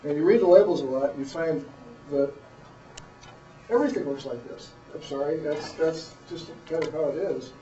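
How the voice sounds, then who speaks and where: A middle-aged man giving blunt, plain-spoken, halting feedback as a judge of a student presentation. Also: on the high side, over music. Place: room, far from the microphone. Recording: roomy, dull, distant microphone.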